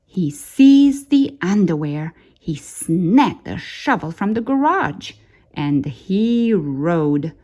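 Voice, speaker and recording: Expressive and suspenseful, a woman storyteller reads a picture book to children, her pitch moving vividly. She goes unhurriedly, lingering on important words for dramatic effect.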